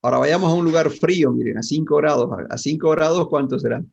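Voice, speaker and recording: A male physics teacher runs an online class lecture, peppering his students with questions and tag questions. His gravelly, husky voice sits at a middle pitch, moves at a quick pace and is a little mellow. The audio comes through a dull, lo-fi mic.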